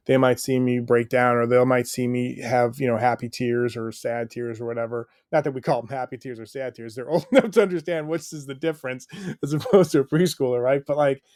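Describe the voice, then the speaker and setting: A man's voice: medium pitch, a little mellow, no room sound, clean studio sound. A middle-aged man, a stay-at-home dad guesting on a podcast, talking in an earnest, rambling way with lots of fillers. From United States. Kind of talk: casual interview chat.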